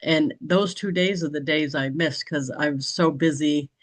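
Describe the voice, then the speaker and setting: A woman's voice: sits low, moderate pace, rough recording. Rambling, chatty woman in casual talk. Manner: rambling, chatty, with frequent restarts and light laughter. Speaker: business training participant. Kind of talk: casual group chat.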